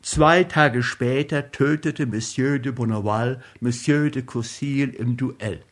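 A man reading a literary story aloud in a measured, solemn manner. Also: mid-range voice. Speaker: narrator.

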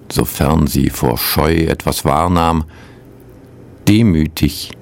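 A man presenting a radio culture program, reading poems aloud in a calm, measured way and introducing the music between them. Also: rumbling low, gravelly.

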